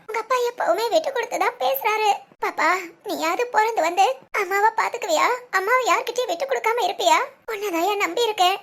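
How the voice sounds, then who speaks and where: A woman's voice: very high voice, fairly bright tone. A woman voicing an anxious young pregnant wife in a cartoon family drama, pleading and worried. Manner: pleading, worried, fast questions.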